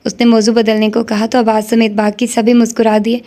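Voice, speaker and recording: A woman narrating a novel in a steady, measured reading. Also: fairly high pitch. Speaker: audiobook narrator.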